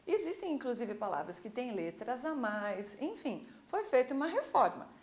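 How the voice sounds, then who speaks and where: A Brazilian woman with a Brazilian Portuguese accent teaching an English class, slowly modeling phrases and checking in with her students. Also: a little high, reverberant. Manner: lively, drawn-out model pronunciation with teacherly check-ins. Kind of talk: online classroom lesson.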